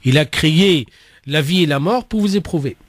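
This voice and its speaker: A man with a fairly high voice hosts a religious radio show. He explains things conversationally, often repeating himself and dropping in Arabic phrases. The sound is close and dry. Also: lively intonation, moderate pace, no echo. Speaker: radio host and Islamic teacher.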